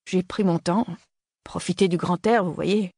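Narrator plays a nervous teen stoner hiker, mumbling slang, pitched up, dry. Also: male voice, steady tone, a little slow, vocal fry, a little mellow, breathy edge, no room sound, heavily acted. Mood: defensive.

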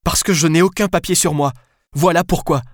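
A man's voice: fairly low pitch, a little fast, no echo, clean studio sound, close to an everyday voice. A man reading an audiobook, voicing a panicked young female police detective who talks urgently and snaps at people. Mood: desperate. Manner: urgent, desperate, snapping.

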